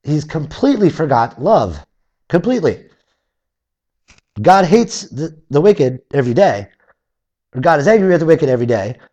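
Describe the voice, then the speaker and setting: A man's voice: on the high side, moderate pace, pauses often, dull audio. A man preaching through a Bible passage in a conversational way, acting out the objections of listeners. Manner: animated, acts out objectors in voices; conversational, with restarts. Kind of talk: expository Bible teaching.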